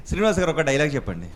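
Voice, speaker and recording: A man's voice: on the high side, a little hiss or hum. A man interviewing a couple, playful and prodding them to sing and act. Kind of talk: light-hearted interview.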